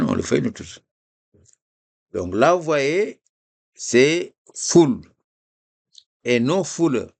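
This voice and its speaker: A man teaching a live reading lesson, explaining slowly and patiently with repeated examples. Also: mid-range voice, gravelly.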